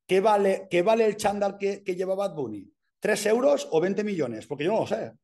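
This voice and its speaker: A man with an accent from Spain, giving an energetic, casual mentoring talk full of slang and swearing. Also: high voice, normal speed. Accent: Spain Spanish. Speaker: personal branding mentor.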